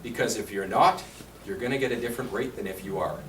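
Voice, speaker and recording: A man's voice: on the low side, fast. A man giving a conversational insurance talk to a room, quizzing the audience as he goes. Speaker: insurance presenter. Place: meeting room at a seniors' residence. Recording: roomy, distant, faint hiss.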